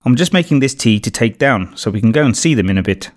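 A man voicing a practical, gentle mother talking to her daughter. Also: mid-range voice, lively intonation, fast talker, lightly acted. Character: warm, practical mother at home.

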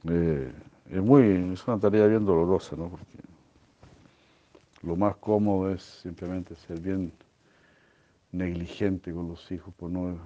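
Slow, low-voiced man giving a devotional talk. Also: warm tone. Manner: slow and deliberate, often clears throat, asks "¿no?". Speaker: devotional speaker. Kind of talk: religious storytelling lecture. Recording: dull lo-fi recording.

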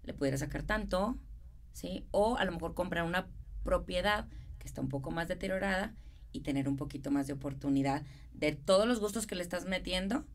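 Her voice sits on the low side and moves fairly quickly as this middle-aged interview guest, a real estate consultant and architect, explains things conversationally. She relies on colloquial examples and speaks with a northern Mexican accent from Monterrey, the regio variety.

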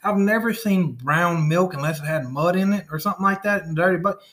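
A man's voice: sits high, brisk, a bit bright. A man with a lisp co-hosting a casual podcast, rambling and repeating words as he talks. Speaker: podcast co-host. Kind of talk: casual chat.

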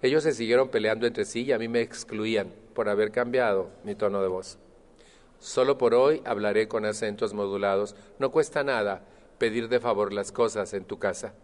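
A man speaking to a support group, animated and acting out others' voices. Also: on the low side, moderate pace. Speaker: Al-Anon speaker. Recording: long hall reverb.

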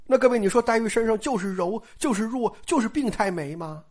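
A woman's voice: fairly high pitch, lively intonation, a little fast, darkish tone. A woman storyteller retelling a classic novel in a chatty, colloquial way, often turning to address her listeners directly.

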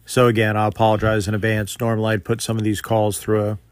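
A man's voice: lowish voice, monotone, quick pace, clear, resonant tone. A man speaking casually and informally as the host of a podcast, recorded on a phone.

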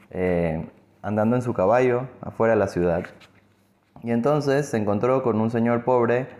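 A man's voice: mid-range voice, darkish tone. A man giving a conversational religious lesson, asking and answering his own questions as he explains a parable. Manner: conversational, many fillers and restarts, asks and answers own questions. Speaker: religious teacher.

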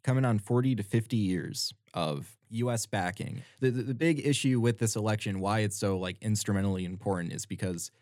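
A man's voice: fairly low pitch, brisk, few pauses, darkish tone, no echo, studio quality. A young American man co-hosting a podcast, talking earnestly about politics and often stumbling over repeated words. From United States. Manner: earnest, repeats words when starting thoughts. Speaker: podcast co-host. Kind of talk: casual political discussion.

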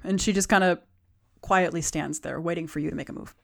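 A woman's voice: lowish voice, fairly even intonation, fairly quick, gravelly, fairly bright tone. A young woman narrating a tabletop game as game master, casual and chatty. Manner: casual, with many fillers and light laughs.

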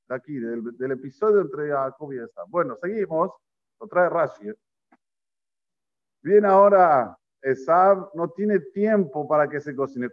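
A man with a Rioplatense Spanish accent teaching a lively Torah class as a rabbi. He asks the class questions and acts out the quotes. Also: fairly high pitch, muffled recording. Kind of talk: lively Torah lesson to a group.

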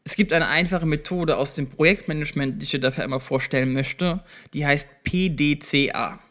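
Hosting a solo motivational podcast about self-improvement, a man guides the listener step by step, speaking directly and conversationally with small restarts. His voice sits on the high side, brisk and a bit bright.

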